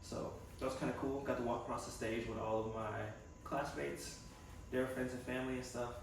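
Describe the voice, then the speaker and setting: A young man who is a vlogger and physical therapy assistant student talks casually in a personal vlog, reflecting and rambling as he thinks aloud. His medium-pitched voice is flat and a little fast, recorded from a distance in an echoey room with faint noise.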